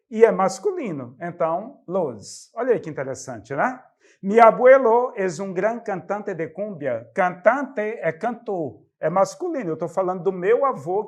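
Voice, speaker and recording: Brazilian guy teaching a language class, punches the key words, bouncy lively voice. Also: sits high. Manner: lively, stresses example words loudly. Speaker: Spanish teacher. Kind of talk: classroom explanation.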